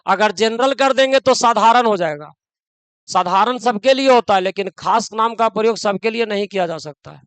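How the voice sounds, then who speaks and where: A man's voice: high voice, moderate pace, fairly bright tone, clean tone, dry recording, rough recording. A man teaching grammar in a classroom lecture, now and then scolding students in local dialect.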